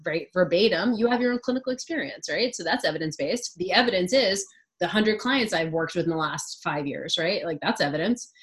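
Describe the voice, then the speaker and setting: A woman's voice: lowish voice, lively intonation, fairly quick. A woman coaching a group in a casual, reassuring way, full of fillers. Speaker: business coach leading a group call.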